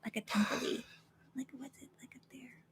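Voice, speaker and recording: A woman in her late thirties chats loosely on a livestream, rambling from one thought to the next and calling out viewers by name. Her voice sits a little high and sounds very bright. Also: fairly even intonation, normal speed, whispered, faint music behind. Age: late 30s. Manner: chatty and rambling, reads out viewer names. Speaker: co-host of a horror watch-party stream. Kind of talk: casual livestream chat.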